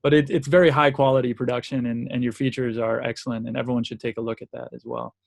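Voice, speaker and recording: A man's voice: mid-range voice, flat delivery, fast, vocal fry. Man asking rambling interview questions. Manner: thoughtful, rambling questions with restarts. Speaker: podcast interviewer. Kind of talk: casual interview talk.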